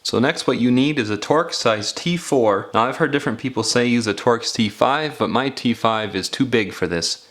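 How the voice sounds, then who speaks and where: A man who teaches DIY phone repair narrates a hands-on tutorial in a casual, folksy, informal way, walking through it step by step. His voice is medium in pitch and a bit bright, at a normal speed.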